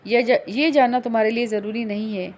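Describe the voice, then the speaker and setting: A cold, domineering young man speaks in a dismissive, threatening way in a novel audiobook, as a woman reads his part. The voice stays on the high side, since it is her own voice. There is little change from her narrating voice. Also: darkish tone, lightly acted. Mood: curt.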